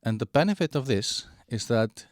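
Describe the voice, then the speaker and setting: A man giving a halting walkthrough of an online platform, with many fillers and restarts. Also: mid-range voice, animated, no room sound, studio quality. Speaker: presenter of a digital platform. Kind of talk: screen-share product walkthrough.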